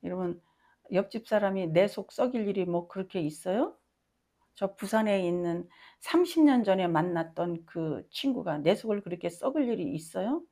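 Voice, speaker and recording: A woman's voice: medium pitch, animated, moderate pace, mellow. A middle-aged woman pastor preaching a sermon with personal testimony, emphatic and often asking her congregation questions.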